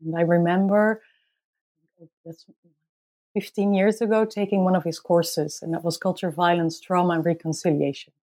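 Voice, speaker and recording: A woman's voice: fairly low pitch, fairly even intonation, normal speed, pauses often, darkish tone. A woman from the Netherlands in her late thirties, a native Dutch speaker, speaking English as an anthropologist guest. She answers thoughtfully and hesitantly, with many fillers. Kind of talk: interview.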